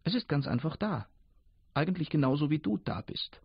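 A man's voice: on the high side, lively intonation, moderate pace, creaky, breathy edge, dry recording, pitched above the performer's own voice, full character voice. A man voicing an ancient, wise male river who patiently explains, in a dull lo-fi radio recording. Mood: calm, explaining.

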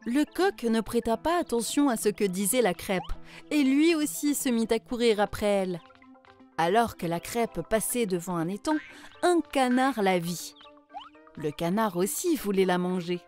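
A woman narrating a children's fairy tale in a clear, measured way. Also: on the high side, animated, a little mellow, faint music behind.

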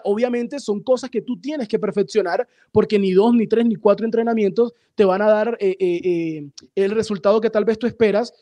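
High, mellow-voiced man analyzing football. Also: dry recording. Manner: measured, explanatory, addresses listeners as muchachos. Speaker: sports radio commentator. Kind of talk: sports analysis commentary.

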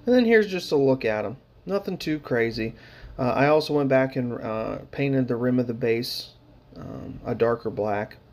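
A man's voice: mid-range voice, animated, normal speed, a little mellow. Casual rambling man, dry sarcasm. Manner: rambling, filler-heavy, dry sarcastic humor. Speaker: hobby painting vlogger. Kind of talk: casual narration over hobby footage.

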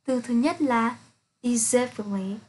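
A woman teaching an English pronunciation lesson, reading out sounds and example words slowly and carefully to her students. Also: on the high side, slight background noise. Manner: slow, careful, spelling out sounds one by one.

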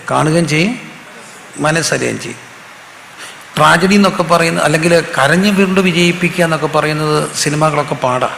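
A man's voice: on the high side, vocal fry, a bit bright, a little hiss or hum. A male pastor, preaching a sermon with call-and-response questions and humorous stories. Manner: call-and-response preaching, asks the audience to repeat answers; storytelling with humor. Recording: echoey hall with faint ambience.

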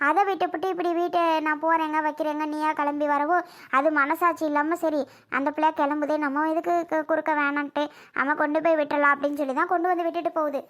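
Performer doing a lecturing, bright-voiced mother. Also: high voice, fairly even intonation, quick pace. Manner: lecturing, insistent. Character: scolding, worried mother giving advice.

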